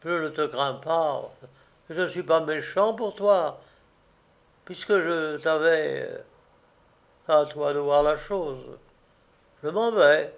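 A man voicing a calm, insistent gamekeeper in a read-aloud story. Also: on the high side, takes it slowly, long pauses. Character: calm, stubborn male gamekeeper.

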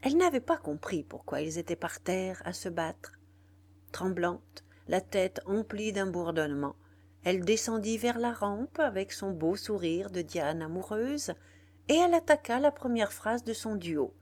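A woman narrating a classic novel in a measured, expressive reading style. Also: medium pitch. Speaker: audiobook narrator. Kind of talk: scripted literary narration.

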